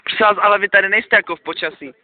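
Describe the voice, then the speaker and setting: A man acting as a mock TV reporter, putting teasing, mock-formal questions to someone outdoors at night, recorded on a handheld camera. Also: high-pitched. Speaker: interviewer. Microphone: handheld camera mic. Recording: lo-fi noisy handheld camera audio.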